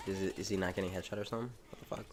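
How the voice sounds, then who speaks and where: A young American man livestreams gameplay, chatting loosely and rambling in slang with frequent restarts as he reads chat. His deep, steady voice races along, and there is background noise.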